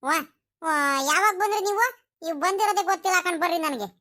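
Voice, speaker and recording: A woman's voice: very high-pitched, quick pace, a bit bright. A woman voicing a bewildered, pleading young married daughter in a comedy cartoon. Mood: puzzled. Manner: pleading, questioning. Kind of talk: village comedy cartoon acting.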